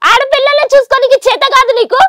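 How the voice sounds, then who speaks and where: A woman's voice: extremely high pitch, quick pace, sharp tone. A young woman, a daughter of the family, pleading and accusing through tears.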